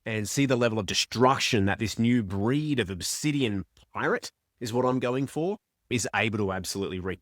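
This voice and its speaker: A man's voice: dry recording, studio quality. Chatty man reviewing a book. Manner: chatty, rambling, self-correcting, animated pitch jumps. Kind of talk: casual reading-reaction vlog.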